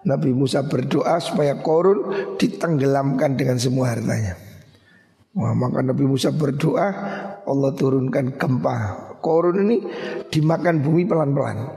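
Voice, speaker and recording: A middle-aged man with a Javanese accent, preaching a lively storytelling sermon and acting out the voices of his characters. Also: a little high, vocal fry. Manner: animated, acts out voices in his stories, mixes in Javanese. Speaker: Islamic preacher. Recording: echoey hall.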